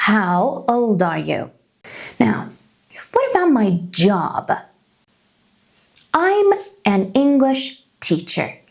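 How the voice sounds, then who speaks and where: Woman in her 30s, ESL teacher, slow and clear, sing-song pitch, bit of vocal fry. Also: darkish tone. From Canada. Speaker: English teacher. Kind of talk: slow beginner English lesson. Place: small room indoors.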